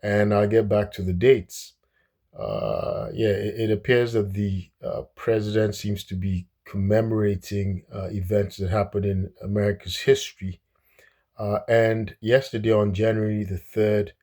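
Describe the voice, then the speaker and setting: A man's voice: on the low side, warm tone. A man from Nigeria giving casual solo commentary on politics, speaking hesitantly with many fillers and restarts.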